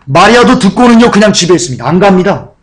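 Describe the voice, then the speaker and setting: A man's voice: high voice, big pitch swings, fast talker, low-quality recording. A male pastor preaching an emotional sermon, repeating phrases and asking rhetorical questions.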